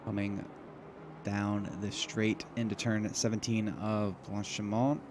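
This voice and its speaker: A man's voice: on the low side, little pitch movement, takes it slowly. A man doing casual live play-by-play as a motorsport commentator on sim racing. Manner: casual, bantering. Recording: clear engine noise behind voice. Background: car engine and race ambience.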